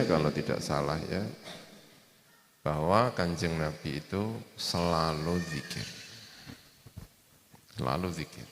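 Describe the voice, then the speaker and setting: A man preaching to a congregation, repeating key phrases and softening them with gentle asides. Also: low-pitched, vocal fry. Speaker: Islamic preacher. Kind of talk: sermon. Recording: echoey hall recording.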